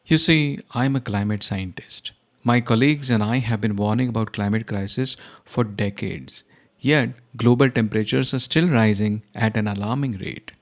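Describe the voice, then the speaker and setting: A man playing a despairing, guilt-ridden older scientist and grandfather in an animated short, earnest and emphatic. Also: on the low side, normal speed, lightly acted. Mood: bitter. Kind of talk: animated short film dialogue.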